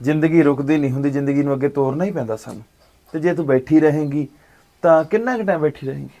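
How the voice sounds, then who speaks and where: A man, acting as an uncle in a short film, gently consoling and reassuring his niece. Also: a little high, quick pace. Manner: warm, fatherly consoling. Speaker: uncle by marriage.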